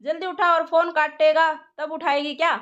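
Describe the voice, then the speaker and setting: A woman's voice: very high voice, flat delivery, moderate pace, fairly bright tone, dull audio. Woman voicing a bossy scheming mother. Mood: scolding. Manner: scolding, domineering.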